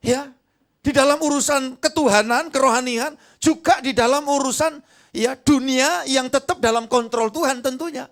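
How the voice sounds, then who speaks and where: East javanese pastor guy, animated sermon, high voice, does voices for his stories. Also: normal speed. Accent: East Javanese Indonesian. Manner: animated, acts out dialogue in different voices. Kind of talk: lively sermon with acted anecdotes.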